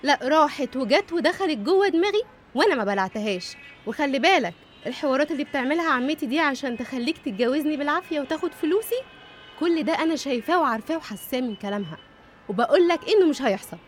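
A woman's voice: high voice, animated, racing, a little hiss or hum. A woman with an Egyptian accent playing a strong-willed teenage schoolgirl in a drama, firm, sassy and emphatic. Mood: suspicious, defiant. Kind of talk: dramatic dialogue.

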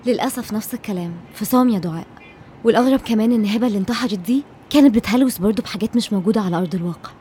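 A woman's voice: medium pitch, rapid-fire, dark tone, a little hiss or hum, close to an everyday voice. An actress playing a determined, persuasive woman doctor in a radio drama, with an Egyptian accent and an assertive manner. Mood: concerned, resolute. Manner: assertive, coaxing. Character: determined, persuasive female doctor investigating a mystery.

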